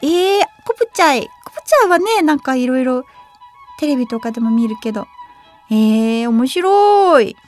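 A young woman hosts a casual radio show in a high, bouncy voice. She reads trivia, then breaks off into giggly, excited comments, with faint music playing behind her. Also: normal speed. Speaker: web radio host. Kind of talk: casual quiz chat and reading aloud.

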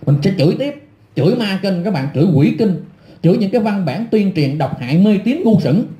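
A middle-aged man, sounding like an online commentator tearing into his critics, delivers an angry, repetitive rant full of scornful insults. His voice sits high yet sounds dark and mellow, animated and brisk, and it echoes around a roomy space.

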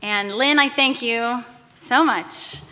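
A woman in her thirties giving a commencement address from a podium, candid and halting, with restarts and fillers. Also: fairly high pitch, sharp tone. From Texas-Mexico border region. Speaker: commencement speaker, news anchor. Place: large auditorium stage. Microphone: podium microphones. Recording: long hall reverb.

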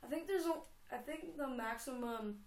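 Rambling and giggly, a young woman talks her way through her own game in chatty let's play style. Her voice sits high, her pace is moderate, and the sound is roomy.

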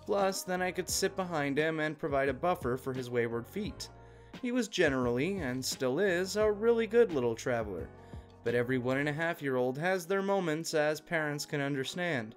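Male story narrator, fairly high voice, steady reading, faint background music. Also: moderate pace. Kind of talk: scripted narration of an online post.

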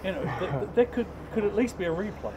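A man's voice: high voice, lively intonation, quick pace. A man playing a chatty stadium reporter. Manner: chatty, stumbling restarts. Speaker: club TV reporter. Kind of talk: post-match interview questions. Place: stadium stands, outdoors. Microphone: handheld mic, off-camera. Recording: outdoor audio with clear background noise.

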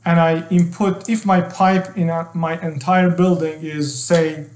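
A middle-aged man teaching an engineering software tutorial, explaining step by step with fillers and restarts. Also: a little high, level tone, a little slow, echoey room, a little hiss or hum. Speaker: HVAC design instructor. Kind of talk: screen-share software tutorial.

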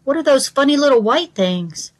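Little girl for a children's tale, read by an adult woman: raised pitch, forthright, full of curiosity. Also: lively intonation, moderate pace. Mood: inquisitive. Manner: inquisitive, direct, childlike. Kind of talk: children's storybook character voice.

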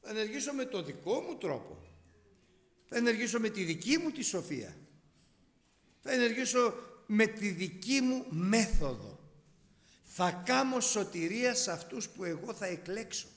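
A man's voice: high-pitched, big pitch swings, fairly bright tone, big-room sound. A man voicing God as a patient, fatherly deity who speaks in reassuring, repeated declarations.

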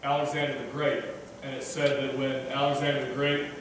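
The recording is noisy and echoey, taken by a distant camera of a church pulpit mic. A man in his thirties preaches a chatty, self-deprecating sermon, stumbling occasionally with frequent restarts and fillers. His voice is medium-pitched and level in tone, moving a little fast.

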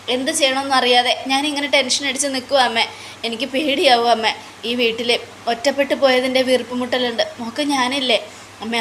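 A woman's voice: high voice, bright, forceful tone, a little hiss or hum, pitched above the performer's own voice. A woman voicing a young wife who is sobbing and pleading in a retold TV serial scene. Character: young wife, tearful and desperate.

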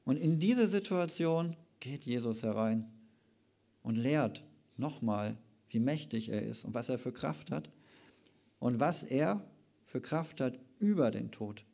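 Gravelly-voiced man preaching a sermon. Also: medium pitch, slow pace. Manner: lively retelling with casual asides. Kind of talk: sermon retelling a Bible story. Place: church service.

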